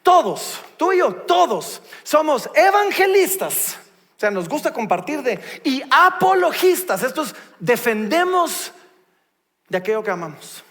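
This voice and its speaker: A man delivers a sermon, reading scripture and retelling the stories with playful humor. His voice sits very high for a man. The long reverb of a church sanctuary trails behind every phrase. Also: measured pace. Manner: animated, reads scripture aloud and retells it with humor. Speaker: preacher.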